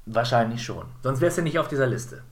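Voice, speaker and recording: A man's voice: mid-range voice, big pitch swings, brisk. Chatty man rambling through a games podcast. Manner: rambling, many fillers and self-corrections. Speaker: podcast co-host. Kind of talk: casual game podcast chat.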